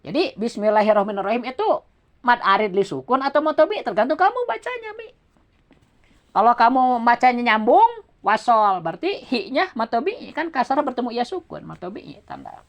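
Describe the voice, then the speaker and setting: A woman with a Sundanese accent teaching recitation rules at home. She patiently checks that her students understand and chants verses slowly as examples. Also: on the high side, big pitch swings, muffled recording. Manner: demonstrates verses in slow chant. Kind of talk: home tajwid lesson.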